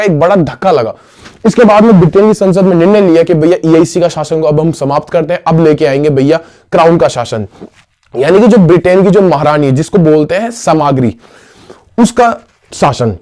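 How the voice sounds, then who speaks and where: Casual history teacher, slightly high voice. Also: male voice, mellow. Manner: casual, asks and answers his own questions; calls listeners "bhaiya". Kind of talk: exam-prep history lesson.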